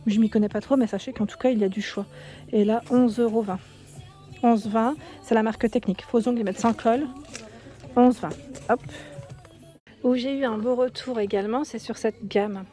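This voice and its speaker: A woman's voice: fairly high pitch, fairly even intonation, moderate pace, long pauses, faint music behind. A woman with a French accent walks through a shop filming a vlog, reading out prices and chatting as she looks at products. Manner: chatty, reads prices aloud, thinks out loud. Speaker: shopping haul vlogger. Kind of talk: casual store walkthrough vlog. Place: indoors in a shop under ceiling spotlights.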